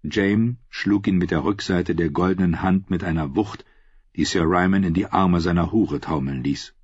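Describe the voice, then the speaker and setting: A male audiobook narrator with a low, husky voice and a slow, measured delivery. The recording is dry and slightly dull. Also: no echo. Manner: measured, steady reading. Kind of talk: scripted narration.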